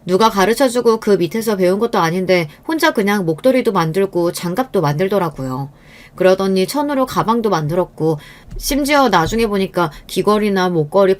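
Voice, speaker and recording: A middle-aged woman telling a first-person story in a calm, confiding, rueful tone. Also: mid-range voice. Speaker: story narrator.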